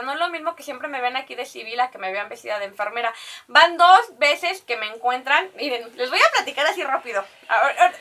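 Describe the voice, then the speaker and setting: A beauty vlogger with a Mexican accent rambles through a casual makeup shopping haul, talking directly to her viewers. Her voice sits high, with a bright and forceful tone.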